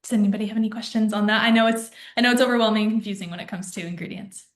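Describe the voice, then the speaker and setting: A young adult woman from a skincare brand gives casual, informative skincare advice, chatty and full of fillers like "um" and "you know." Her medium-pitched voice is steady in tone and very fast, captured in an echoey room.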